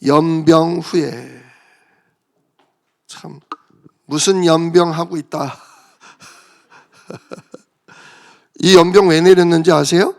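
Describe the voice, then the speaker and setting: Gravelly-voiced male pastor preaching. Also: a little high, fairly even intonation, extremely slow, pauses often. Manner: conversational, asks the congregation questions. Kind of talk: sermon. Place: church.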